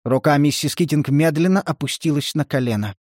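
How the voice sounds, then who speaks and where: A male audiobook narrator reading literary prose in a measured, even way. His voice sits slightly higher than most men's. The recording is dry and close, with no room sound. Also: dry recording.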